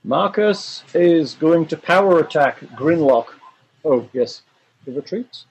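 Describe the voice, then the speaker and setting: A man acting as game master of a tabletop game, narrating attack rolls and damage in a relaxed, jokey way. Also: fairly high pitch, slow, husky, rough recording.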